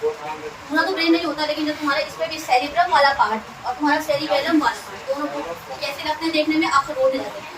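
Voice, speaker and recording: A woman, teaching a science class and quizzing students, repeating terms slowly for them to echo back. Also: high voice, crowd noise. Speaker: science tutor. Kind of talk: classroom lesson with call-and-response drilling. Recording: echoey room, mic at a distance, audible noise.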